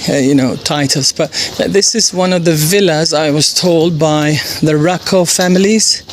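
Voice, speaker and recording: A man with an Albanian accent talks casually as he guides viewers on a walking tour. His voice sits a little higher than most men's. He is recorded outdoors, with clear street noise and vehicles behind him. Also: a little slow. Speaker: travel vlogger. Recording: noisy outdoor street, traffic ambience. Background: street ambience, vehicles.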